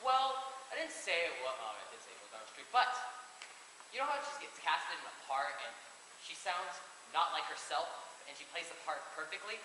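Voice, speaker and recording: A teenage actor playing a sarcastic, wisecracking wealthy party guest in a school stage comedy. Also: male voice, on the high side, very animated, sharp tone, heavily acted. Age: teens. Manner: sarcastic, quick jabs. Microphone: distant room mic. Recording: echoey auditorium from far off, faint hiss.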